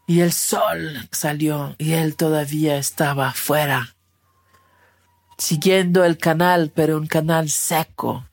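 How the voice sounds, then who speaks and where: A woman telling a children's animal story slowly and expressively, repeating words for effect. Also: low voice, steady tone.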